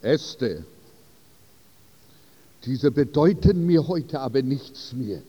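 A man's voice: medium pitch, expressive, slow pace, warm tone, breathy edge, long reverb tail, lo-fi sound, voice pushed down. A man voicing a remorseful young groom who speaks sadly and apologetically. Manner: subdued, apologetic.

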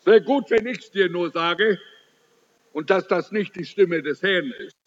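Man, sermon, very slow, stern direct address, long reverb, dull muffled sound. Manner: slow, emphatic preaching with sudden rises and drops in pitch; addresses listeners directly, scolding. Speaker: preacher.

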